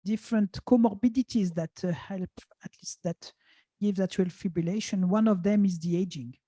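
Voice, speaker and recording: Woman with a warm, mellow tone, event moderator, dry close sound. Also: mid-range voice, moderate pace, dry recording. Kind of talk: event moderation and answering questions.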